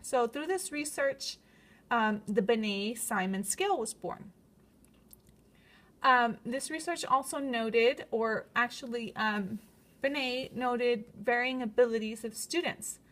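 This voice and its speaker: A woman's voice: fairly high pitch, slow, fairly bright tone. A woman with a slight lisp from new braces gives a semi-scripted student presentation, reading prepared points in an explanatory way.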